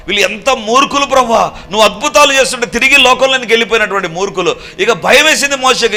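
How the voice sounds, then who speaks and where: A man preaches with fervour, his voice pitched high and bright, now dropping to a hush, now rising to a raised, urgent pitch. He slips English phrases into the sermon. Soft music plays underneath. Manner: fervent, swings between hushed and raised voice, mixes English phrases.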